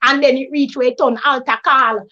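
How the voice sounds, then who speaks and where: A woman's voice: high voice, fairly even intonation, normal speed, bright, forceful tone, lo-fi sound. A Jamaican woman in her forties on a panel, earnestly telling her own story. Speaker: panel guest. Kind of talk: personal testimony on a panel.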